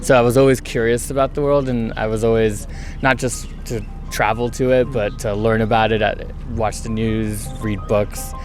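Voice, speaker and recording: A man's voice: lowish voice, fairly even intonation, soft background music. Thoughtful man in his thirties from San Francisco. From San Francisco, USA. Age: 30s. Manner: thoughtful, measured, with frequent ums. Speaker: interviewee, traveller. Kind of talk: street interview answers.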